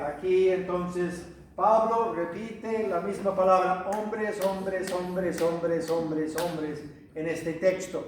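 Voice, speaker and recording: Male missionary preacher, high voice, slow teacherly delivery, distant echoey hall recording. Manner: teacherly, asks the audience questions, many hesitations. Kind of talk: church Bible teaching. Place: church hall.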